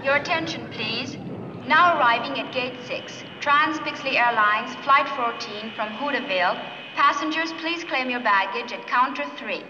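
An actress playing a formal airport gate announcer, heard over a PA system in a 1960s sitcom. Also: female voice, high voice, moderate pace. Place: airport terminal. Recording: echoey distant hall, dull and noisy.

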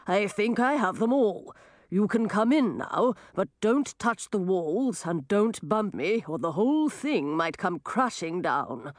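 A woman's voice: mid-range voice, sing-song, a little slow, no echo, clean studio sound. Woman voicing a grumbling quarrelsome octopus. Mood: strained. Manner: grumbling, touchy.

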